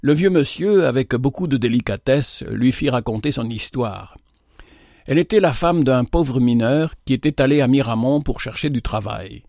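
A man narrating a story in the first person, measured and expressive. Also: mid-range voice, vocal fry, no room sound, clean studio sound. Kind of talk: storybook reading.

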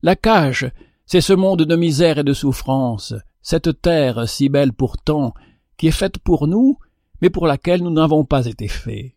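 A man narrating a fable in an expressive, measured reading. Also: a little high, dry recording, clean studio sound. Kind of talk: storybook narration.

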